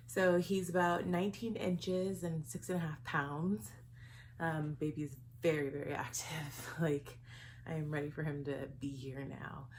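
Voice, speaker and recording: A young woman talks through a relaxed vlog in a low, steady voice. She sounds a little out of breath, laughs softly between thoughts and often fills her pauses with um. Faint noise sits under the recording. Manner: chatty, giggly, with many ums. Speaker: vlogger. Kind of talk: casual pregnancy vlog.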